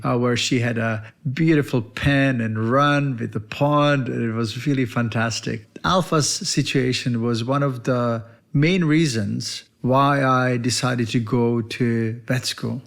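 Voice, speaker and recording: A man's voice: mid-range voice, vocal fry. A man, a veterinarian hosting his own podcast, earnestly telling his life story in a reflective monologue. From Czech Republic. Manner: earnest and reflective, with some non-native phrasing.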